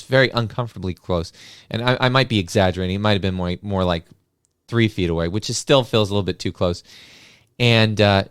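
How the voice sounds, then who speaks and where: A low-pitched man tells a story in a casual, animated way, full of hesitations and fillers. His voice is smooth and resonant. It is recorded close and dry, with no room sound. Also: no echo. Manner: animated anecdote-telling with many filler sounds. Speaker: podcast host and classroom paraprofessional.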